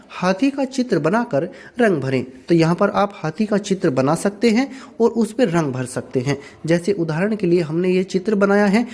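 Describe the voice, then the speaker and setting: Patient teacher voice for a workbook walkthrough, asks and answers own questions, mid pitch. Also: darkish tone. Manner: repeats and rephrases to explain. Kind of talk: step-by-step workbook lesson.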